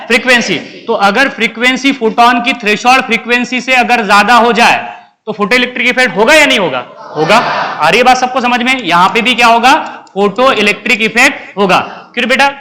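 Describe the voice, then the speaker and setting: Bright high-voiced teacher in a hall. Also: male voice. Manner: asks questions and answers them himself, calls students beta. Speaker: chemistry teacher. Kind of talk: classroom lecture.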